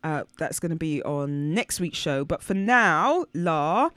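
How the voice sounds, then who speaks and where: A woman from Northwest London with a London accent, co-hosting a podcast in a joking, expressive way and laughing often. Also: low voice, takes it slowly, no room sound. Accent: London English. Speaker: podcast co-host. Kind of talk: casual chat.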